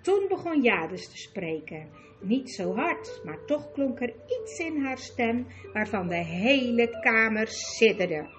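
Calm woman reading an audiobook. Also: on the high side, slow pace. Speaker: narrator. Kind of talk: audiobook narration.

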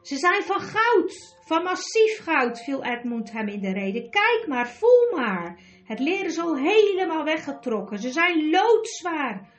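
Woman playing a young boy, storybook reading, commanding, urgent, high voice, lively pitch. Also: measured pace, soft background music. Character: bold quick-witted young boy.

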